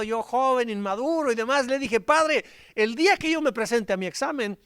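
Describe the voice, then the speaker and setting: A middle-aged male pastor with a Mexican Spanish accent, preaching a storytelling sermon that swings from loud, animated peaks to hushed, quiet passages. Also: sits high, no room sound, studio quality.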